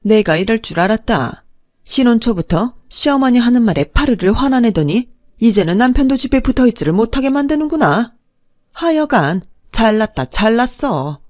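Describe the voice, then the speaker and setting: A woman's voice: mid-range voice, expressive, moderate pace, a little mellow, no room sound, studio quality, voice pushed up, lightly acted. A woman voicing a domineering middle-aged mother-in-law, bossy and reproachful. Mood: scornful.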